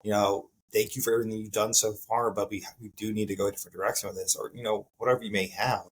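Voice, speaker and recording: Low, husky male host, casual and rambling. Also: little pitch movement, fast, rough recording. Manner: conversational, repeats himself, many "like" fillers. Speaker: podcast host. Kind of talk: casual interview talk.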